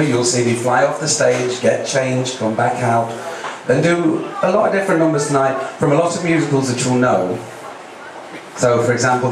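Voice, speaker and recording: A man performing as a campy drag queen host, doing teasing stand-up patter with the audience. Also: mid-range voice. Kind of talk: live stand-up comedy patter with audience banter. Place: live cabaret stage in a music cafe. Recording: echoey live venue, distant mic, loud crowd noise. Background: loud audience noise and laughter.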